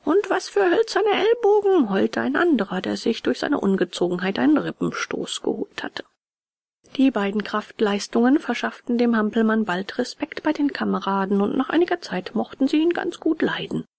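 A woman reading a children's story aloud in a soft, often whispered narration. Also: a little high, lively intonation, moderate pace, creaky, breathy edge, no room sound.

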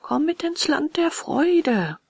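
A woman voicing a fat, sweet-talking little coachman in a children's audiobook, soft and coaxing. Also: high voice, sing-song, slow, gravelly, no echo, studio quality, voice pushed up, exaggerated voice. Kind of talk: storybook narration.

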